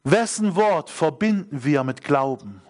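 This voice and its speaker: A man's voice: on the high side, lively intonation, a little slow, darkish tone. A middle-aged man preaching a sermon, emphatic, repeating key phrases and asking the congregation questions.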